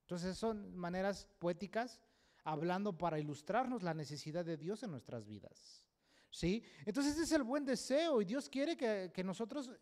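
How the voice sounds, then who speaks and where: High-voiced pastor preaching. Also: male voice, animated, moderate pace, darkish tone. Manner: emphatic, often checks in with listeners with a questioning "right?". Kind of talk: sermon. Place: church service.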